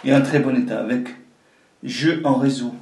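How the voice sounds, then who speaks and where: A man's voice: medium pitch, fairly even intonation, moderate pace. A man with a southern French accent, casually reading out game titles and adding nostalgic remarks. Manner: reads game titles aloud, nostalgic asides. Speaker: flea market seller co-host. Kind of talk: casual live unboxing chat. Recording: echoey room, far from mic, noisy.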